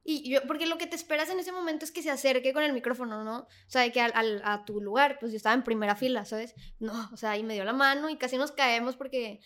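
A young woman telling a story as an interview guest, animated, laughing often and full of fillers. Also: high voice, fast talker, few pauses. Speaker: guest singer. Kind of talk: casual storytelling.

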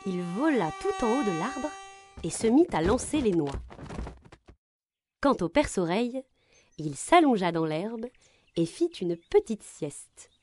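A woman reading a children's story aloud, with expressive, gentle narration. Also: mid-range voice, measured pace, pauses often, soft background music.

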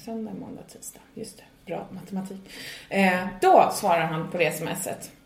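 Animated young woman telling a story. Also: on the low side, gravelly. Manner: animated, acts out her own reactions in quoted asides. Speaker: podcast co-host. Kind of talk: casual chat, storytelling. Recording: echoey room.

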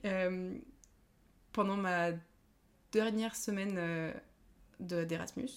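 A young woman from France chatting casually as a guest, talkative, laughing often and filling pauses with "euh". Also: fairly low pitch, fairly even intonation. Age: young adult. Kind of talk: casual chat.

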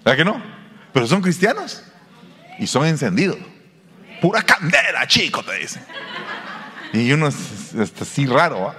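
A man with a Mexican Spanish accent preaches a sermon, talking to his listeners as in a conversation. His pitch swings widely as he keeps asking them questions. His voice rings in the long reverb of a hall. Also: very animated, moderate pace, long pauses, fairly bright tone. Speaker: pastor.

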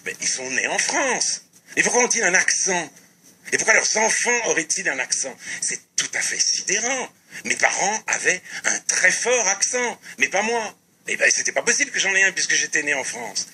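Animated man, bright voice, archive clip. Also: sits high, moderate pace, breathy edge.

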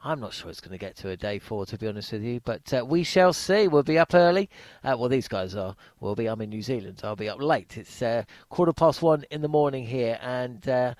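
A man's voice: mid-range voice, animated, brisk, a little mellow, dry recording. A man presenting sports radio, speaking as a broadcast host. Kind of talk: broadcast presenting and sponsor reads.

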